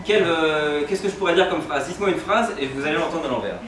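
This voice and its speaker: A man's voice: fairly high pitch, fast talker. A man leading a group audio workshop, explaining step by step with patience. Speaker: workshop leader. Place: large echoey room with a group. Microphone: distant microphone. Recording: echoey room, far-off mic, crowd chatter.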